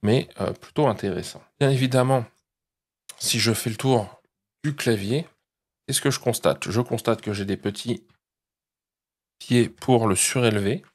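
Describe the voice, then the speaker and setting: A man's voice: mid-range voice, unhurried, pauses often, breathy edge. A man hosting a tech channel, chatting casually through a product review and explaining each step, often checking in with his viewers.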